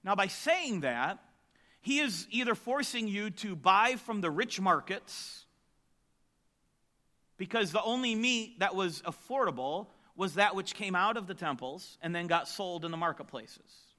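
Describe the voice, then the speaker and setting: A man teaches scripture in a chatty sermon style. His voice is bright and sits a little high for a man, and he keeps checking in with his listeners. The delivery stays conversational throughout. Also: expressive, measured pace. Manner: conversational, asks the audience questions. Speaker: preacher.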